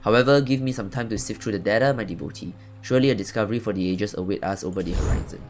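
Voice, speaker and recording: A man's voice: fairly low pitch, very fast, soft background music, close to an everyday voice. A man reading as a formal scholarly lord. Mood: pleased.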